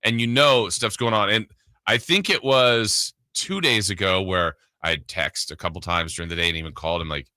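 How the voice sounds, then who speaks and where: A sports radio host with a deep voice and sharp tone rambles conversationally, speaking casually right up against his close studio broadcast mic. No room sound comes through.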